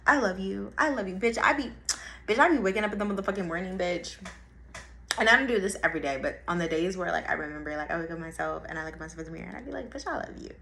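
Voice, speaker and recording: A young woman talks straight to the camera in a casual motivational monologue. She is blunt and profane and hammers her points home by repeating them. Her voice swings between quiet asides and loud bursts. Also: lowish voice, racing, vocal fry, a little hiss or hum. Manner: blunt and profane, with emphatic repetition. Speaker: vlogger.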